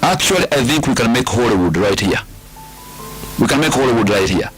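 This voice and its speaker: A man's voice: mid-range voice, lively intonation, fairly quick, music in the background, low-quality recording. A middle-aged man from Kenya with a Kikuyu Kenyan accent, talking casually and emphatically as an interview guest, like a storyteller. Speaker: guest, comedian.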